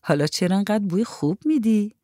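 A woman voicing a calm, gentle young father in a storybook reading, speaking softly and reassuringly. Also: medium pitch, no echo, studio quality, lightly acted.

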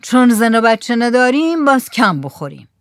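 A woman's voice: a little high, very animated, no room sound, clean studio sound. A woman voicing a hungry, eager poor village man in a storybook reading.

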